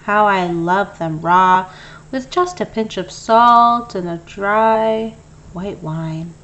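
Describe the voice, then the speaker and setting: A woman's voice: medium pitch, slow, fairly bright tone, lo-fi sound. A woman voicing a sly, hungry male fox in a storybook, whiny and gleeful by turns, given to yelps and dreamy mumbles. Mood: dreamy, greedy.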